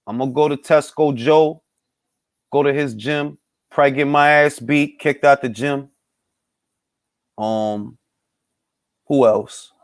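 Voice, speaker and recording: Slow and with long pauses, a young man in a medium-pitched voice chats live with viewers on his casual boxing talk stream, full of loose, profane banter. The studio sound is clean, with no room sound.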